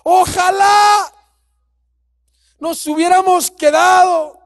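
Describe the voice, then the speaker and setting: A man acting out an anguished male biblical leader, lamenting to God in a high, drawn-out, shouted voice. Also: steady tone, in a large hall, exaggerated voice. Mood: anguished wailing.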